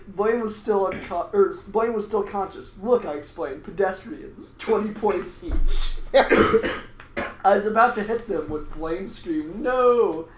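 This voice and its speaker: Male podcast host, higher voice, reads comic story, keeps laughing; roomy echo. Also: unhurried. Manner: breaks into laughter while reading. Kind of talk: comedic read-aloud with frequent laughter. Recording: echoey room, faint ambient noise.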